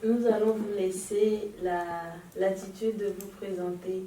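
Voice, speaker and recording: Mellow-voiced woman interviewer, echoey room. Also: medium pitch, flat delivery, a little slow. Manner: formal and polite. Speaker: interviewer, filmmaker. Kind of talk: interview questions. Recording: echoey room, mic far off, faint noise.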